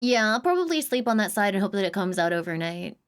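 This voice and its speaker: A woman live streamer chatting casually, humming little filler sounds and greeting viewers with bursts of excitement. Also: medium pitch, a little fast, clear, resonant tone. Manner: chatty, hums and scats little filler sounds between thoughts.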